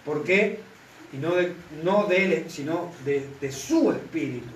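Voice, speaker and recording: A man's voice: on the high side, measured pace, slight background noise. A man preaching a sermon, who keeps asking the congregation whether they follow him. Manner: asks the congregation for constant confirmation. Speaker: pastor. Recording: echoey room, mic at a distance.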